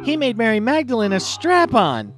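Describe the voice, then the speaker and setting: A man putting on a shrill, crude young woman in a comic podcast story, in a high strained falsetto. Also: huge pitch swings, moderate pace, fairly bright tone, faint music behind, full character voice. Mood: brash.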